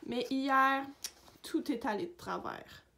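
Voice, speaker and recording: A woman reading a picture book aloud for young children, narrating gently in a dog's voice of first person. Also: high-pitched, slow, vocal fry. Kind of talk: read-aloud storybook narration.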